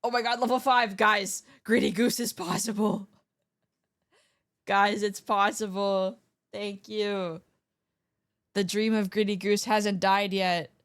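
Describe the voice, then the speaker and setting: A woman's voice: medium pitch, little pitch movement, slow, long pauses, no room sound. A woman livestreamer chatting casually with her viewers in a playful, slangy gamer manner, scattered and often interrupting herself. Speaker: livestreamer hosting an art stream.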